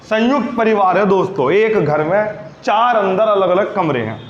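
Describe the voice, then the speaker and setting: High-voiced man teaching a grammar class. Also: lively intonation, slight background noise. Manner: repetitive quizzing, stretches key words slowly. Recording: roomy, dull lo-fi recording.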